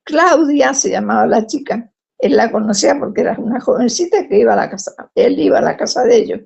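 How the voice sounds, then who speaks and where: Gravelly high-pitched Rioplatense woman. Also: a little fast. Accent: Rioplatense Spanish. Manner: animated, acts out quoted speech. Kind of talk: personal testimony storytelling.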